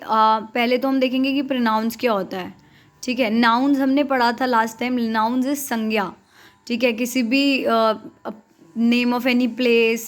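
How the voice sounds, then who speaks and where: A woman teacher explaining English grammar, switching between Hindi and English and reading definitions slowly. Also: fairly high pitch. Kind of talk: classroom grammar lesson.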